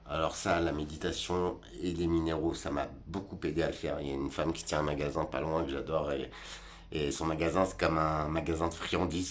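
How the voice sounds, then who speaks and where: A man in his forties giving a rambling, colloquial monologue, talking straight to the viewer about life. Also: rumbling low. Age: 40s. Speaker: vlogger. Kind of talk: casual reflective monologue.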